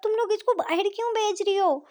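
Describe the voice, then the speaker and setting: A woman doing a loud scolding aunt. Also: very high-pitched, a little fast, pitched above the performer's own voice. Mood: insistent. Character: angry insistent aunt, middle-aged woman.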